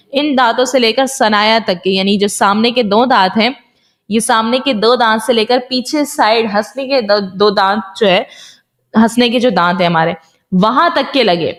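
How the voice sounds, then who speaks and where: Patient woman teaching recitation. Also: on the high side. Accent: Pakistani Urdu. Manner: patient, explanatory, repeats sounds slowly for practice. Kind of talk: online tajweed lesson.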